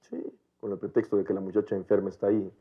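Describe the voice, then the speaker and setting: A huffy stuck-up gentleman, lowish voice, mexican spanish, muffled tv sound. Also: level tone, quick pace, breathy edge. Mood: indignant. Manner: huffy, indignant. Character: indignant genteel man, stiff and offended. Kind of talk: 1990s telenovela acting. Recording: dull lo-fi TV audio.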